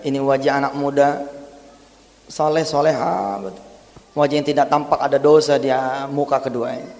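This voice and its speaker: A man's voice: medium pitch, a little mellow, in a large hall. A man preaching, mixing chanted verses with casual, slangy storytelling. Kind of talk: sermon with Quranic recitation.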